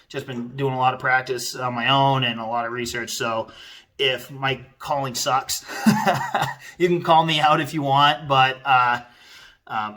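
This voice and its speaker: A man's voice: mid-range voice, bright, forceful tone. A man giving a casual product review in a rambling, conversational, informal way.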